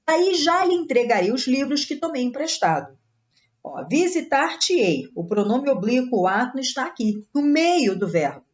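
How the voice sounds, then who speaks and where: A woman's voice: fairly high pitch, highs cut off. A Brazilian woman teaching Portuguese grammar in an exam-prep lesson, explaining each step and checking in with her students as she goes.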